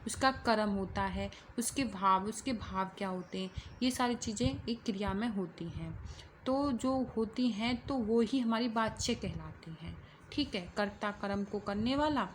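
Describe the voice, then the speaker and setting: A woman's voice: mid-range voice, slight background noise. A woman teaching a grammar lesson to exam students, explaining step by step and repeating key phrases to check along.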